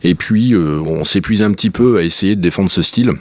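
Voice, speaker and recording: A man from northern France, a brewer, telling a story in a relaxed way with frequent fillers. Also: low-pitched, a little fast, no room sound. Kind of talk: casual chat.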